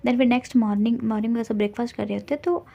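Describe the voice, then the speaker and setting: A woman's voice: on the high side, racing, gravelly, warm tone, highs cut off. A young woman casually retelling a drama plot, rambling with many restarts and fillers.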